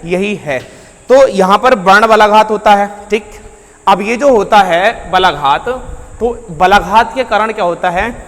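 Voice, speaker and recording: Male teacher with a high voice lecturing a class and quizzing students as he goes, in a room with a long echo. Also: unhurried, a bit bright. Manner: asks students questions and answers them himself; addresses students as beta and bhaiya. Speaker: Hindi grammar teacher.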